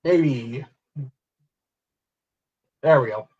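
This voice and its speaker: A man's voice: medium pitch, drawn-out words, a little mellow, husky, muffled recording. A man hosting a casual watch-along chat, rambling and laughing often, heard over a distorted internet call. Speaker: podcast host. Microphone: laptop on video call.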